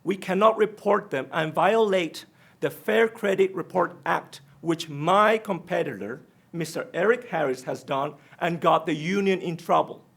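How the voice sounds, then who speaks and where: Speaking unhurriedly in a high-pitched, gravelly voice, a Taiwanese-accented man from Taiwan gives a debate statement as a candidate for union treasurer. His phrasing is non-native, and his manner is direct and pointed.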